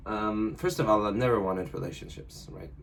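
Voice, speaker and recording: A man in his twenties chatting with his partner in halting, non-native English, playful and quick to argue back. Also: lowish voice, gravelly, slight background noise. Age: 20s. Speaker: guest partner. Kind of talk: casual couple chat.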